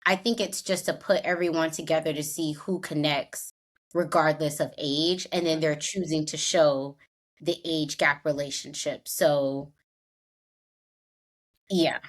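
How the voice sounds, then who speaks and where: Lower-voiced woman podcast co-host. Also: steady tone, unhurried. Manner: recounts scenes, acts out quotes. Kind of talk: casual recap chat.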